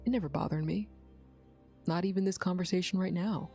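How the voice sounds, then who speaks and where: A woman voicing a calm, patient young man who speaks with steady, gentle reassurance in a story reading. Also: on the low side, brisk, soft background music, natural voice. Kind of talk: reading a romance story aloud.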